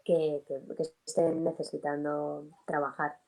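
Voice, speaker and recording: Animated vocal coach, woman. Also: deep voice, measured pace, vocal fry. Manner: animated, explains with sung and sound examples. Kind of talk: live online interview.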